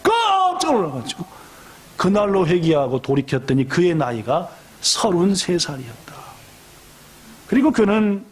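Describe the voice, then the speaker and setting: A middle-aged male pastor preaching a sermon in a church, telling a story with lively storytelling and acting out the voices of the people in it. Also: mid-range voice, husky. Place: church sanctuary.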